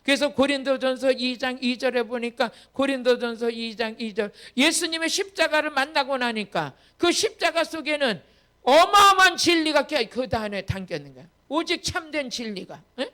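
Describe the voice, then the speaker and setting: A woman's voice: high-pitched, animated, moderate pace, sharp tone. A woman pastor preaching a sermon emphatically, often calling on the congregation and acting out dialogue. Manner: acts out quoted dialogue in changing voices. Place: church retreat hall, online service.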